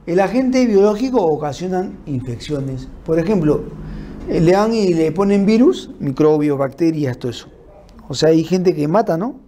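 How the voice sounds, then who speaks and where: A man giving an informal law lecture, explaining through lists and examples and checking in with his listeners with quick tag questions. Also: fairly high pitch, animated, dark tone, a little hiss or hum. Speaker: criminal law instructor. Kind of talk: informal lecture on forensic principles.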